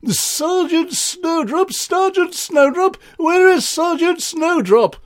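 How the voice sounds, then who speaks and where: A man's voice: very high voice, slow pace, voice pushed up. A man voicing a pompous, cold-hearted male Ice King in a children's story. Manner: pompous, self-satisfied, punning.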